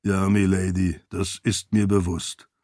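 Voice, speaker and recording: A man voicing a loyal male spirit living in a floating light orb, with a deep, hesitant voice, speaking slowly and formally to his lady. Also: flat delivery, a little mellow, no room sound, clean studio sound. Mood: relieved. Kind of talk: audiobook character voice.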